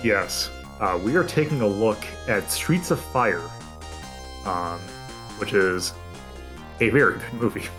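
A man hosting a casual podcast, talking in a relaxed, rambling way with plenty of fillers. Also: on the low side, takes it slowly, long pauses, music in the background. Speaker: podcast host. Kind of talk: casual chat.

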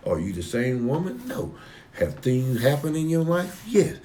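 In a heated personal conversation, a deep-voiced man talks emphatically, swearing freely, rambling and drifting into a preachy tone. His voice is mellow with big pitch swings and a measured pace. A little hiss or hum can be heard.

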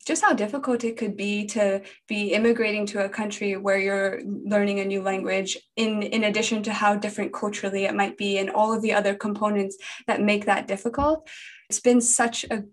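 A young Indonesian woman who is a medical trainee talks earnestly and fluently about her experiences in a personal interview. Her voice is medium in pitch, with fairly even intonation and a fairly quick pace.

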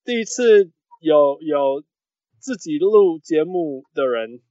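Male podcast host, fairly high voice, Mandarin mixed with English, searching repetitions, muffled recording. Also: expressive, takes it slowly, mellow. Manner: mixes English phrases into Mandarin; hesitant, repeats words while searching for terms. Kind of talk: casual sports podcast chat. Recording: muffled, roomy lo-fi podcast audio.

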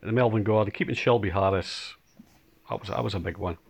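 A father chiming in on a casual sports chat. His voice sits a little low. He speaks haltingly, doubling back on words as he works out what to say. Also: vocal fry, darkish tone, slightly rough. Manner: halting, repeats words while thinking. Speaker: co-host, host's father.

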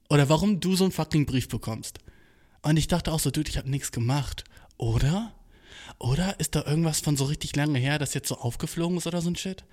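Slangy young man on a phone mic. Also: a little high. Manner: slangy, full of English swearing, "Bro" and "Dude". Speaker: podcaster. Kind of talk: casual solo podcast monologue. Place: small makeshift home studio. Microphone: cheap smartphone.

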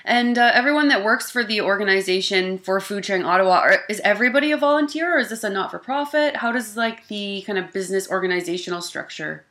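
A woman hosting a podcast interview in a mid-pitched voice. She talks in a relaxed, chatty way, asking questions and encouraging her guest. Her tone is friendly and informal. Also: quick pace, few pauses. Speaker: podcast host. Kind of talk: casual interview chat.

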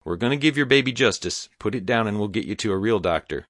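A man's voice: lowish voice, expressive, quick pace, fairly bright tone, no echo, studio quality, voice pushed up. A man voicing anxious male deputies who plead and coax. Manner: pleading, coaxing.

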